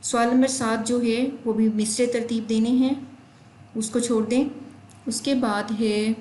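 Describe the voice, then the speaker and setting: A young woman teaching a lesson to students, patiently explaining step by step and spelling out words slowly. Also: fairly high pitch, steady tone, warm tone. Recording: echoey room, faint background noise.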